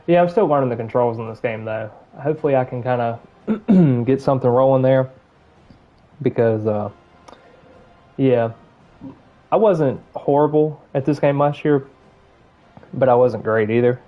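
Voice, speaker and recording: On a game stream, an Alabama man with a Southern drawl chats loosely and rambles, dropping lots of fillers while he plays. He has a mid-range voice, talks at normal speed, and pauses often. The recording is narrow and tinny.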